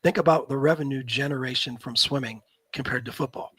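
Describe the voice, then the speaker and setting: A man in his fifties from Nebraska, a guest talking in a casual, animated, opinionated way on a video call. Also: mid-range voice, a little fast, breathy edge, no echo, low-quality recording. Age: 50s. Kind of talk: casual chat.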